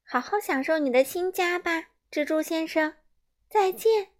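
A woman voicing a cheerful, curious young male character in a children's storybook, eager and bright. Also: extremely high pitch, measured pace, voice pushed up. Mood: excited.

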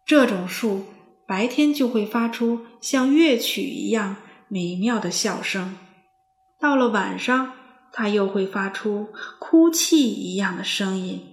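A woman's voice: medium pitch, slow pace, echoey room, faint music behind. A woman voicing a kindly old grandpa goat who explains things patiently in a children's story. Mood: explaining.

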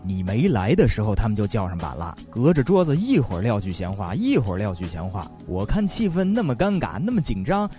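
Man, comic storyteller, playful, lively pitch, light music behind. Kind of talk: comedic storytelling.

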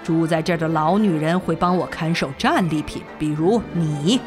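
Woman putting on a gruff bandit man. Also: low voice, normal speed, music in the background, natural voice. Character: gruff male bandit posing as uncle.

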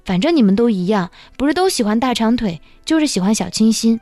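A woman's voice: fairly high pitch, animated, a little fast, a little mellow, no echo, faint music behind, close to an everyday voice. A woman voicing a heartbroken, guarded male bear who talks in a wary, bitter way. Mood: anguished.

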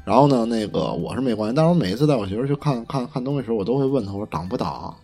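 A man with a Beijing accent chatting casually and telling anecdotes in a colloquial, lightly profane, animated way. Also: mid-range voice, very fast, husky, faint music behind. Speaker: podcast co-host.

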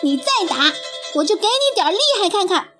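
A woman's voice: animated, music in the background. Woman playing a cheeky defiant boy hero. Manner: defiant, high and quick.

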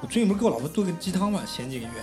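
Fast, animated man telling stories. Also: high-pitched, music in the background. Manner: rapid, animated storyteller who swears freely. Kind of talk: casual chat.

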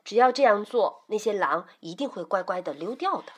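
A woman reading a children's story aloud in an unhurried bedtime manner. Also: mid-range voice, lively intonation.

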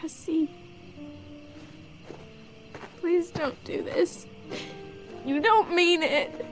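A woman's voice: extremely high pitch, takes it slowly, faint music behind. An actress playing a headstrong, passionate seventeen-year-old girl in film dialogue. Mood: pleading. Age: teen. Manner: emotional, pleading then shouting.

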